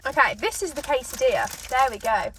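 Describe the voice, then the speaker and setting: A British woman with a high voice hosts a casual mukbang, talking between mouthfuls and pausing for bites. She sounds a little away from the microphone, with clear noise behind her. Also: animated, sharp tone. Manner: eating as she talks, with pauses for bites. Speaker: mukbang host eating and reviewing food. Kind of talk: casual chat to camera while eating. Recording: distant microphone, noticeable background noise.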